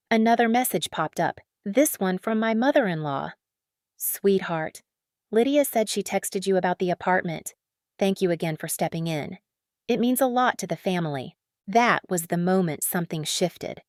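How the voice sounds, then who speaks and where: A woman narrating a first-person drama story in a calm, measured way. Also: lowish voice, dry recording, clean studio sound.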